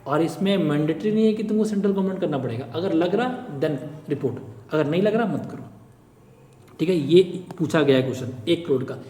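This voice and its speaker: Recorded in a room with long, echoing reverb, a man gives an informal screen-share lesson for a government exam. His slightly high, mellow voice is animated and brisk as he explains each step, checks in frequently, and reaches for everyday examples.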